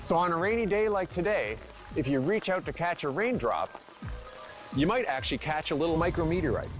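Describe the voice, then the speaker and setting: A man's voice: fairly high pitch, very animated, brisk. A man explaining in plain, conversational terms for a documentary interview. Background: music under the voice.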